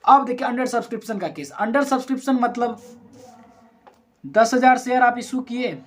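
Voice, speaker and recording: At a moderate pace and in a mid-range voice, a commerce teacher gives a recorded lesson that walks through worked number examples step by step. Addressing the students directly, the teacher asks questions, answers them, and corrects themselves partway through sentences.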